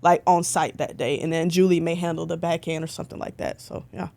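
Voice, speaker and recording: A young woman, a concert photographer appearing as a podcast guest, tells stories in casual interview chat with lots of "like" and playful bursts of energy. Her voice is lowish and creaky, and she talks a little fast in an animated, chatty way.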